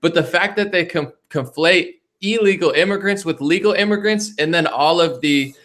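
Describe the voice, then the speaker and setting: A man hosting a political interview, talking in an animated, emphatic way. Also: a little high, moderate pace. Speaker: host.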